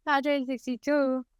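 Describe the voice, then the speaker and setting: A young streamer from Singapore speaks in a high voice on a lo-fi recording with no room sound. Chatting casually while she games, she rambles with a mixed, partly Singaporean English accent, often laughing and playfully pleading.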